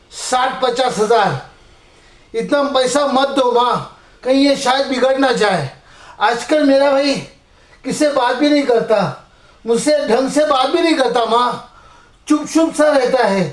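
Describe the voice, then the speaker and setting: A man's voice: very high-pitched, expressive, measured pace, roomy sound. A man playing a heartbroken young son who has been poisoned by his mother, pleading with her in a solo stage monologue.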